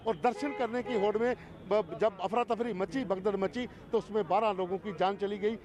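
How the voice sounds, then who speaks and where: A man's voice: high-pitched, fairly even intonation, normal speed. A male field reporter giving an emphatic, explanatory live report from outdoors. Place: outdoors at a busy pilgrimage town. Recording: outdoor crowd noise. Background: crowd.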